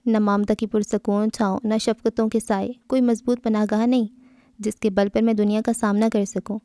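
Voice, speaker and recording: Female reader voicing a withdrawn, melancholy young woman; soft mellow tone, dry. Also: mid-range voice, level tone, no echo, lightly acted. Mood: sad. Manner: quiet, melancholy.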